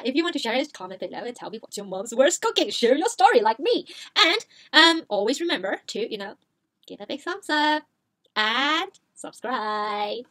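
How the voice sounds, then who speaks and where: Animated woman telling a storytime vlog. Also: high voice. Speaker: vlogger.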